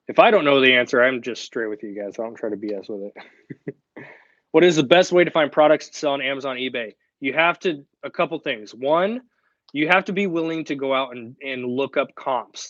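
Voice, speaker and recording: A man's voice: mid-range voice, fairly bright tone, no room sound, dull audio. A young man hosting a live online Q&A, talking casually and directly. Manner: casual and direct, chatty with fillers. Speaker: host of a live Q&A stream.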